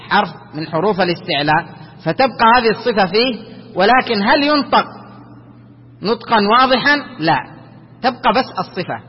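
A man teaching the rules of Quran recitation, explaining slowly, repeating each example and putting questions to his students. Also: sits high, slightly rough. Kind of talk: tajweed lesson. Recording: dull recording in a reverberant hall.

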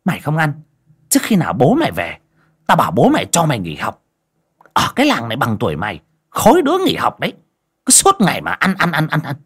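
A man voicing a cruel, abusive village woman in an audio story, with a shrill, screeching way of cursing. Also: wildly swooping pitch, fast, a bit bright, breathy edge, full character voice. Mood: scolding. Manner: snarling, hurls curses.

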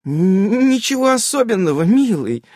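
A man voicing a fussy, flustered witch who is a wife and mother, in a high, scolding, chirping voice. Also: very animated, moderate pace, a little mellow, dry recording, clean studio sound.

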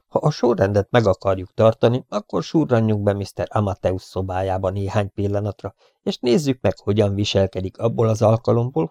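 Gravelly male audiobook narrator. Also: fairly low pitch, dark tone, no echo, studio quality. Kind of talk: scripted narration.

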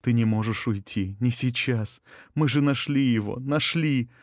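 A man's voice: mid-range voice, unhurried, no room sound, studio quality, close to an everyday voice. A man reading an audiobook, voicing a grief-stricken young woman who sobs and pleads over her dying sister. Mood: tearful whisper. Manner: sobbing, pleading, desperate.

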